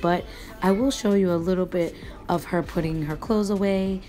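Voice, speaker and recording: A woman, a mother of four, narrating a home cleaning vlog in a relaxed, matter-of-fact voice-over. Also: fairly low pitch, moderate pace. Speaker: vlogger, mother. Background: faint music.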